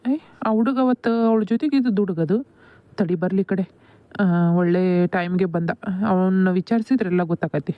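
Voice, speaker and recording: A woman's voice: medium pitch, moderate pace, no room sound, close to an everyday voice. A woman voicing an eager, lovestruck young man in a cartoon, prying for a girl's name. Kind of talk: cartoon voice acting. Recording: dull lo-fi dry audio.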